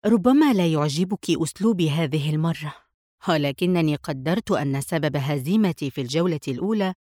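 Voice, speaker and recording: Cool sarcastic spy guy from a novel read aloud, low calm voice, dry sound, as a lady reader puts him on. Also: no room sound. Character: suave mocking male spy hero, cool and confident.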